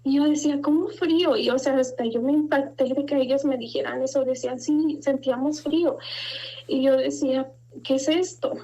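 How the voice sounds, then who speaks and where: A middle-aged woman giving an earnest, halting personal testimony of faith and fear, her voice rising as she recalls her fears. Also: high voice, fairly even intonation, warm tone. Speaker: guest giving a religious testimony. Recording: dull lo-fi sound.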